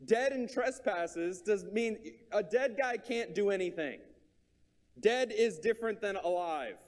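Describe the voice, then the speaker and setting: High-voiced preacher in a reverberant hall. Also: male voice, lively intonation, unhurried. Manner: earnest, repeats key phrases, thinks aloud with restarts. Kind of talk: sermon.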